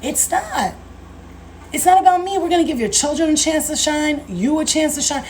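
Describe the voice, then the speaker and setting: A woman in her thirties hosting a casual livestream as a spiritual coach, talking in an animated, slangy way, swearing freely and calling viewers babe and baby. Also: sits high, normal speed, slight background noise, rough recording. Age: 30s.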